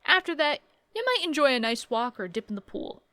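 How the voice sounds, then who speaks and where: A woman's voice: high voice, very animated, brisk, sharp tone, no echo. A woman in her thirties casually reading game text aloud and adding wry, joking asides in a playthrough. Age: 30s. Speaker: let's play host.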